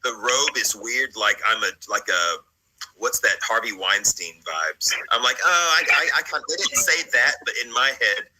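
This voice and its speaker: An American man in his late thirties, with roots partly in South Carolina and Virginia, hosts a vlog and chats through a casual reaction in a rambling, jokey, slang-heavy style. His medium-pitched voice is expressive and sharp-toned at a normal speed, and the recording is rough.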